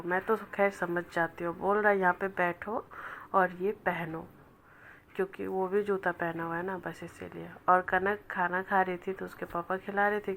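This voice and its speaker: A woman in her thirties from Bihar with a Bihari Hindi accent, quietly narrating the voice-over of her family's daily vlog at home, talking softly and slowly because her child sleeps beside her. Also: lowish voice, slight background noise. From Bihar, India. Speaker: family vlogger. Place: indoors at home, child asleep nearby.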